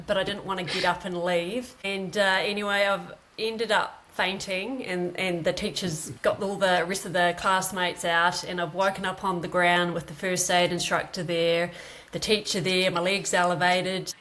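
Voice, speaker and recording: A woman's voice: on the low side, a bit bright, rough recording. A woman in her late thirties with a broad New Zealand accent, telling her own story conversationally as an interview guest. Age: late 30s. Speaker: guest, paramedic.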